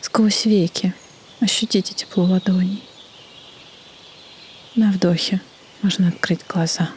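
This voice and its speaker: A woman leading a guided meditation in a soft, breathy half-whisper, with soothing delivery and long pauses. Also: fairly low pitch, fairly even intonation. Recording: faint background noise, birdsong ambience. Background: birdsong and nature ambience.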